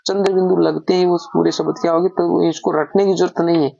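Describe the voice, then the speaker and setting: Speaking fast in a high, gravelly, warm voice with flat delivery, this man patiently works through a grammar lesson as he writes, asking questions and supplying the answers himself. The recording is dry, dull and lo-fi.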